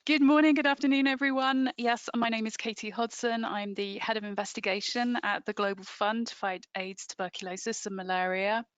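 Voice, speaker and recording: A woman's voice: on the high side, fairly even intonation, a little fast, hardly any pauses, clean tone, dry recording. A woman introducing herself as a webinar panelist, friendly and wry, on a video call. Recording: dull, dry call audio.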